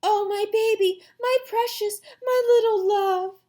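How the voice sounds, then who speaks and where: A woman's voice: sits high, big pitch swings, a little slow, pitched above the performer's own voice. A woman voicing a doting, soothing mother with a cooing, motherly manner in a children's story. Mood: fussing, distressed. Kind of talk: children's audiobook character voice.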